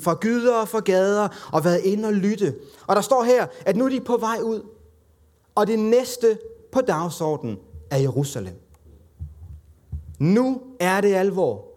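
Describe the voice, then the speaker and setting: Man, high voice, sermon, conversational, self-deprecating, acts out quotes. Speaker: preacher.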